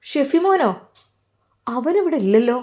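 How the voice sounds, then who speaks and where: A fond older male religious teacher in a storybook tale, put on by a woman narrator. His Malappuram Malayalam accent carries a gentle, fatherly hush. The voice sits fairly high. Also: lively intonation, a little slow. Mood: calling.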